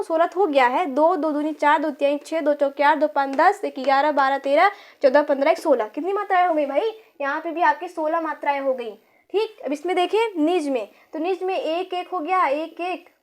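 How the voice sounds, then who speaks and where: A woman teaching Hindi grammar, explaining step by step, often asking quick check-in questions and counting aloud. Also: sits high. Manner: repeats points, self-corrects. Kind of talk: classroom-style explanation.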